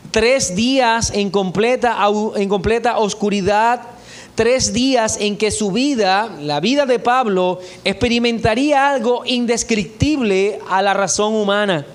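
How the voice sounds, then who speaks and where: A pastor with a notably high voice for a man delivers a church sermon. He works through scripture in a steady, measured preaching style and reads the verses aloud.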